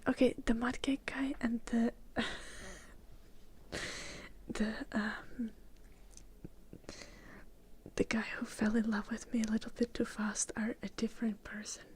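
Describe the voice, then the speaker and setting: A woman's voice: on the high side, steady tone, moderate pace, long pauses, a little mellow, slight background noise. A young woman from Finland whispering as she answers viewer chat in a casual ASMR livestream, close to the mic. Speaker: ASMR streamer.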